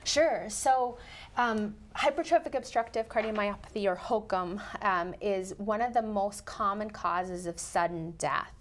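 A woman's voice: medium pitch, measured pace. A woman cardiac surgeon on a call-in medical show, explaining procedures in plain terms and laughing easily.

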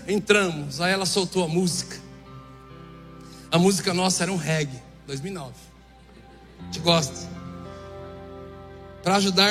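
Brazilian male preacher, high voice, storytelling testimony, echoey hall with faint music. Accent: Brazilian Portuguese. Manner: lively storyteller who acts out dialogue. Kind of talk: storytelling sermon.

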